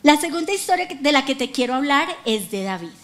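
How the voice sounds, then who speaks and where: Preaching with energy, this middle-aged woman speaks briskly in a high voice. She gives quoted lines their own voices and gets the audience to echo her words back.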